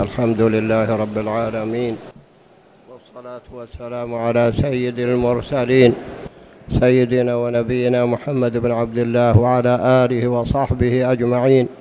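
Guy teaching islamic law in formal standard arabic, pretty even flat tone, some noise behind him. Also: medium pitch, rough recording. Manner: didactic, repeats key phrases and poses questions. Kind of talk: religious lesson on Islamic jurisprudence.

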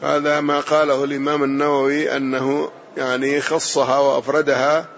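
A man teaching a religious lesson, explaining texts calmly and confirming points with short acknowledgements. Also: medium pitch, brisk, gravelly, lo-fi sound, slight background noise. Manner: calm explanatory glosses, affirming with short acknowledgements.

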